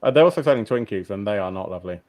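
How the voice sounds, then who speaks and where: A man with a fairly low voice hosts a relaxed podcast over a remote call. He teases the others and chuckles at his own asides. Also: racing, no room sound. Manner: jokey, teasing, chuckles at his own quips. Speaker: podcast host. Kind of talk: casual podcast chat.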